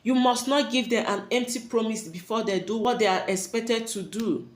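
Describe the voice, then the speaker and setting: A woman's voice: on the high side, moderate pace. A woman giving parenting advice, earnest and preachy, asking rhetorical questions and repeating her warnings. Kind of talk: advice talk to camera. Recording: roomy echo.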